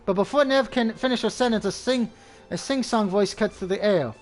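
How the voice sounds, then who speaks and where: Gamer guy reading game text, high voice, faint music behind. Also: brisk. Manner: crude outbursts between lines. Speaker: gamer reading a visual novel.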